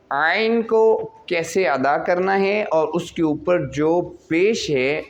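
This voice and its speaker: A man with a Pakistani Urdu accent and a slightly high voice teaches a class how to recite. He draws out sounds slowly to model them, and poses questions that he then answers himself.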